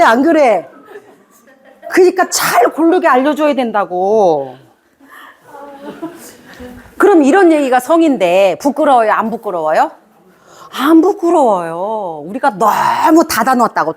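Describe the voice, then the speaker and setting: A woman's voice: medium pitch, breathy edge. A middle-aged woman giving a chatty, teasing lecture to parents and asking the audience questions.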